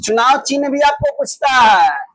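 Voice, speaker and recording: A man teaching with a Bihari Hindi accent, loudly quizzing his class and repeating each answer in call-and-response. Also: very high voice, lively intonation, moderate pace, dry recording, low-quality recording. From Bihar, India. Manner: loud, repetitive quizzing that drills students with call-and-response. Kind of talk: classroom exam drill lesson.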